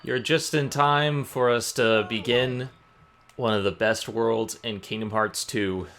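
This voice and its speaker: A man's voice: lowish voice, fairly even intonation, takes it slowly, fairly bright tone. A man giving conversational live commentary as a game streamer, with a touch of mock drama. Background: game music.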